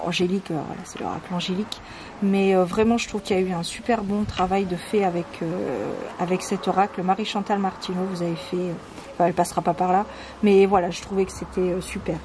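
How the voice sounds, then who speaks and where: A woman hosting a casual video about her oracle cards, talking with many pauses, fillers and restarts. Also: mid-range voice. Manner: reads card texts in a soft, calm tone. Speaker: channel host presenting oracle cards. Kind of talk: casual chat. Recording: home video with clear background noise.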